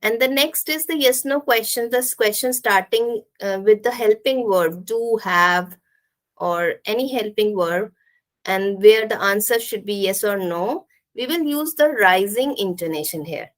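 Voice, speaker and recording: A woman teaching an English pronunciation lesson, repeating example sentences with deliberate, exaggerated stress. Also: mid-range voice.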